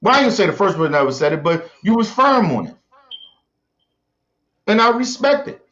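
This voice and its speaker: A high-voiced man hosting a group voice chat, his audio coming through dull and lo-fi. He calls people in by name and cuts in with questions when a point isn't clear. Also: very animated, fairly quick, a bit bright. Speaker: host moderating an online group discussion.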